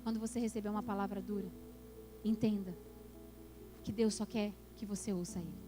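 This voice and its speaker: A woman's voice: medium pitch, steady tone, a little fast. A woman pastor preaching a passionate sermon that builds to emphatic peaks in a church. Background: worship music.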